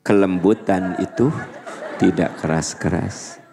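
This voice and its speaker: A middle-aged man with a Sundanese accent giving a sermon, humorous, often mimicking shouted voices. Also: slow, vocal fry, a faint crowd, slight background noise. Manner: humorous, acts out high-pitched shouting voices. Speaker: preacher.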